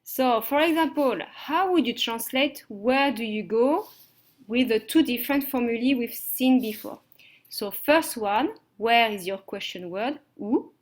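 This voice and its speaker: Slow, patient woman teacher. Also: a little high. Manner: patient, explains step by step, frequent "okay?" checks. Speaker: French teacher. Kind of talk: slide-based language lesson.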